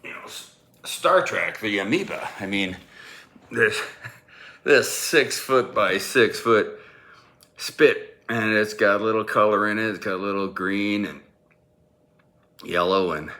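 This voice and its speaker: A man with a very deep voice that still carries a bright, forceful edge tells a personal story from his years as a teacher. He talks casually and rambles, chuckling to himself as he goes. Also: takes it slowly, long pauses. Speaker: former teacher.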